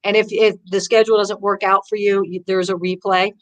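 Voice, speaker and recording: Here a female golf instructor, speaking at medium pitch and slightly quickly, tells stories as a guest in an interview over a rough recording. Full of enthusiasm, she acts out quotes in animated voices. Her conversational telling is peppered with restarts and "you know."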